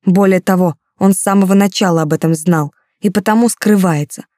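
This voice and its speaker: A woman narrating a first-person fantasy novel in a calm, even storytelling manner. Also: mid-range voice, fairly quick, dry recording, clean studio sound. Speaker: audiobook narrator.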